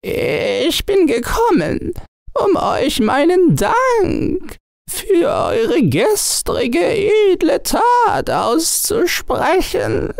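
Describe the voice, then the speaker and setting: A man voicing a small, grateful and kind sea turtle in a storybook, speaking in a high, slow and formal singsong. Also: wildly swooping pitch, vocal fry, no echo, clean studio sound, full character voice. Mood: gentle.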